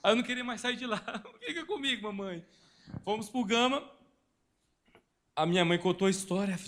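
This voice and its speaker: A man's voice: sits high, a little fast, a bit bright. A man in his forties from Brazil, a pastor telling a personal story in a church sermon, acting out voices and sound effects. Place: church hall.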